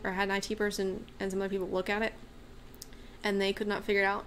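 A woman's voice: medium pitch, creaky, slight background noise. A woman hosting a casual livestream, rambling through viewer questions with many fillers, her voice getting worn. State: losing her voice. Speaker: livestream host and maker.

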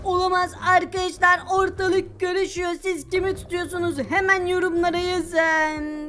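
A woman voicing an excitable young male cartoon hero, who shouts frantic exclamations and talks straight to the viewers. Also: very high-pitched, moderate pace. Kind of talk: animated cartoon voice acting. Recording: background music under the voice.

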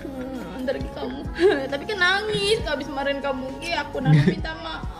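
Young woman, very high pitched, sulky whiny retorts, music and crowd noise behind. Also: sing-song, brisk. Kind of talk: casual chat.

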